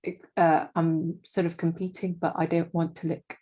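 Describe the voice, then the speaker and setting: A woman's voice: on the low side, level tone, moderate pace, warm tone. A young woman from Indonesia, a freelance marketing manager, answering interview questions in a casual, hesitant way with many fillers and restarts.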